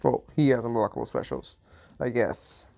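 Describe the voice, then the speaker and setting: A man's voice: mid-range voice, very animated, normal speed, creaky, dark tone. A man chatting through his own mobile game playthrough, sounding a little tired, rambling and correcting himself as he goes. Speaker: gaming channel host. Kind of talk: casual gameplay commentary.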